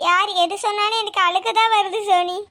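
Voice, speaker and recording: A meek young wife in a cartoon skit speaks in a high, flat, bright voice that stays close to tears, as a woman acts her out. She sounds worn down and gentle. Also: brisk. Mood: sad. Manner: sad, tearful. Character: tearful young married woman, weepy and meek.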